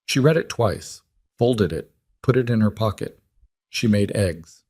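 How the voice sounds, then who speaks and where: A man giving measured, reflective scripted narration of a drama story. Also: lowish voice, expressive, a little mellow, no echo, studio quality.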